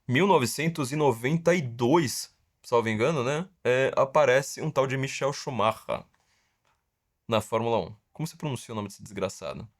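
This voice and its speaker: Medium in pitch and normal in speed, the voice belongs to a middle-aged Brazilian man hosting a casual podcast. He has a Brazilian Portuguese accent and a habit of mockingly, sarcastically stretching words for emphasis.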